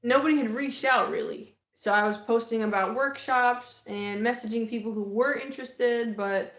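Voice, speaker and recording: A woman's voice: on the high side, normal speed, fairly bright tone. Rambling young woman in an echoey room. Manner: rambling, many fillers and restarts. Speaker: vlogger. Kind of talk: casual livestream storytelling.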